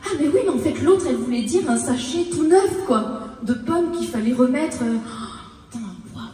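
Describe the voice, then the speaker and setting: A woman's voice: high-pitched, animated, dark tone, faint music behind. Woman telling a comic stage story. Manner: halting storytelling, acting out her own dialogue. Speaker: stage storyteller sharing her own experience. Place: stage in a large hall. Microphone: handheld stage mic. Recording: echoey hall, mic at a distance.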